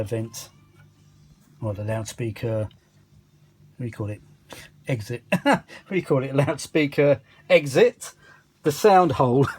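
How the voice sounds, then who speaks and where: A vintage audio hobbyist presents a restoration in a casual, rambling demonstration, chatty and self-deprecating with muttered asides. His voice is medium-pitched and a little mellow.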